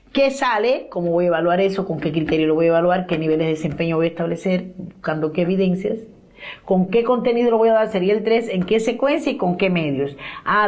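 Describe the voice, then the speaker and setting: Woman, fairly low voice, lecturer, rhetorical questions. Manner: lively, asks herself questions and answers them; acts out quoted voices in anecdotes. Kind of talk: diploma course lecture.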